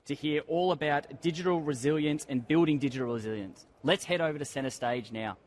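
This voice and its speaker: A man's voice: on the high side, brisk. A man hosting a live event interview, putting questions to a guest in a conversational way. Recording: faint background noise.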